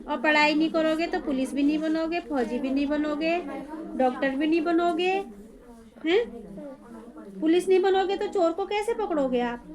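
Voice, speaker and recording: A woman's voice: sits high, normal speed, crowd noise. A woman tutoring a small child, talking in a coaxing way and repeating simple questions. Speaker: home tuition teacher.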